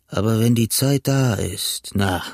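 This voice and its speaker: A man voicing a cunning older pirate cook who talks in a gruff, blustering, lecturing way, in an audiobook reading. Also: on the low side, measured pace, darkish tone, no room sound, clean studio sound. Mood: scheming.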